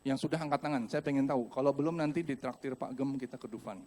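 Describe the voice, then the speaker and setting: This Indonesian pastor, speaking at a quick pace in a medium pitch, shares a personal story during his sermon in a church hall. He acts out the voices with animation and talks straight to the congregation.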